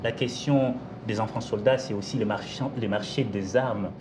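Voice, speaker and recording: A man from Congo, a novelist, answering interview questions in a measured, articulate way with some hesitations. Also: fairly low pitch, noisy background. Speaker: novelist guest.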